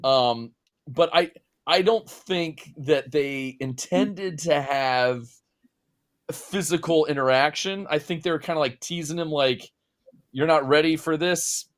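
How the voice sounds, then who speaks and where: Thoughtful man, slightly high voice. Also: takes it slowly. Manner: thoughtful, hesitant, restarts words. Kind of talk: casual group chat.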